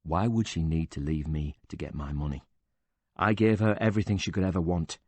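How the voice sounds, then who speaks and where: A bitter older widower with a short temper, indignant and sarcastic, cursing as he defends himself, read by a man. The voice is low and husky, and it sounds close and dry, with no room around it. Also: brisk, a little mellow, dry recording.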